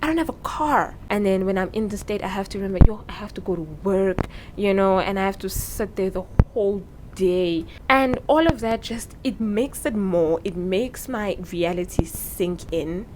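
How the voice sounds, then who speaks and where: A medium-pitched voice moves at a moderate pace with hardly any pauses, over some background noise. It belongs to a South African vlogger in her early twenties, seated indoors and sharing frank, heartfelt advice on her own microphone, which pops.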